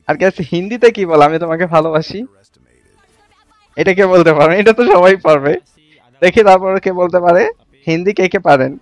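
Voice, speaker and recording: A man's voice: high voice, moderate pace, long pauses, dry recording. A man hosting a casual livestream, reading viewer comments aloud and quizzing them. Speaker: livestream host. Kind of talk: casual live-stream chat with viewers.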